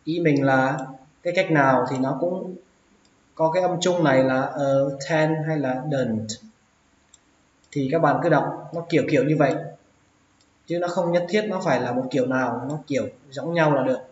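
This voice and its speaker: A man's voice: a little high, moderate pace, slight background noise. A man with a Hanoi Vietnamese accent teaches English vocabulary, patiently repeating each word several times. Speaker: English teacher, channel host. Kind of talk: vocabulary lesson. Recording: roomy, dull lo-fi sound.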